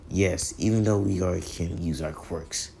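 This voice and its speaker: A man voicing an earnest, idealistic teenage boy hero who speaks solemnly, halting and restarting. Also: low-pitched, creaky, a little mellow, slight background noise, heavily acted.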